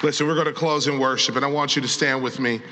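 A man preaching a sermon as pastor, building to loud, impassioned passages and calling out to the congregation. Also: mid-range voice, steady tone, fast talker, long reverb tail, a loud crowd, very noisy. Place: church sanctuary.

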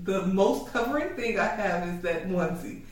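A woman's voice: medium pitch, lively intonation, normal speed. A woman co-hosting a podcast, chatting playfully with her husband and laughing often. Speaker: podcast co-host. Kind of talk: casual couple's chat. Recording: echoey room, mic at a distance.

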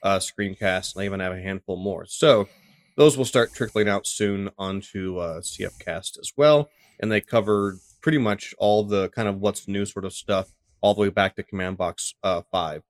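A man's voice: deep voice, normal speed, no room sound. A man co-hosting a tech podcast, chatting casually with lots of fillers and restarts. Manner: rambling, filler-heavy, self-deprecating. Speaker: podcast co-host.

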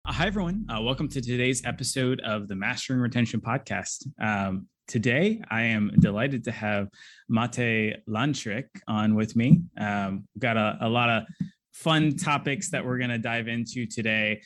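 A man's voice: medium pitch, normal speed, fairly bright tone. Casual podcast host man, filler-heavy. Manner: loose, friendly, many fillers like "you know" and "like". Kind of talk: casual interview hosting. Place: office.

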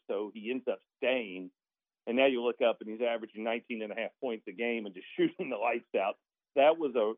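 Over a tinny, phone-like line with no echo, a medium-pitched male sports announcer appears as a guest and talks through basketball analysis. He is chatty and conversational, throwing in folksy, emphatic asides.

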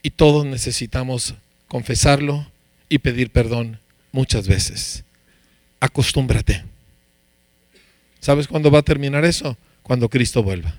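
A man preaching a sermon in a lively, conversational way, acting out quotes as he goes. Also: medium pitch, measured pace, long pauses, no echo. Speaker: pastor.

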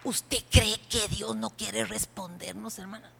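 A woman pastor preaching a sermon, speaking animatedly and directly to the congregation, at times breaking into shouts. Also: medium pitch, a little slow, creaky, a crowd in the background, background noise. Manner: animated, addresses listeners directly, bursts into shouts.

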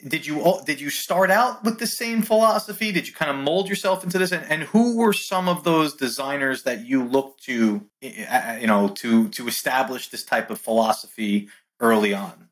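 A man's voice: medium pitch, moderate pace, a bit bright. A man hosts a casual podcast interview with a mid-range voice. He asks his guest questions in an eager, friendly way, with a few stumbles. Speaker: podcast host.

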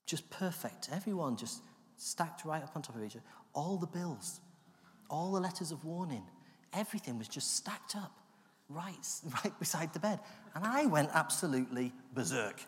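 A man from the UK giving an animated, self-deprecating personal testimony that acts out the voices in his story. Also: on the high side, moderate pace. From United Kingdom. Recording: long hall reverb.

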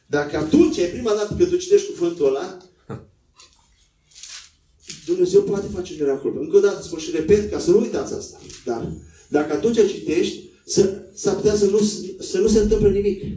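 A man preaching a sermon in a conversational way, acting out quotes in a higher voice. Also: animated, warm tone. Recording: echoey room, voice from a distance.

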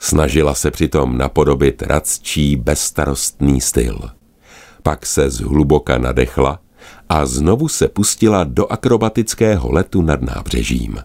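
A man narrating a children's animal story in a gentle, expressive manner. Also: extremely low pitch, vocal fry.

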